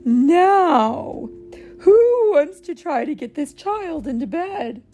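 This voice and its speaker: A woman voicing a strict, proper male monster teacher who gives loud, precise commands, with music playing behind. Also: high-pitched, very animated, slow pace, voice pushed up, heavily acted. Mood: stern.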